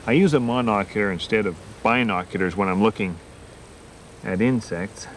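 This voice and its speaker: A man's voice: lowish voice, normal speed, slight background noise. A man hosting a nature show from a lakeside campsite, chatting playfully and straight to the viewer. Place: outdoors at a campsite by a lake.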